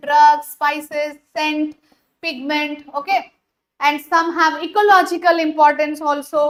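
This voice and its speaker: A woman whose voice sits high and sounds a bit bright teaches biology in a live online class with a Telugu accent. Frequent "uh"s and a habitual "okay" run through her mix of English and Telugu.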